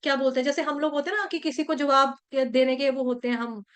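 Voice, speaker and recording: A woman teaching a devotional scripture class, explaining in Hindi mixed with English and chanting Sanskrit verses slowly. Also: high-pitched, steady tone, a bit bright.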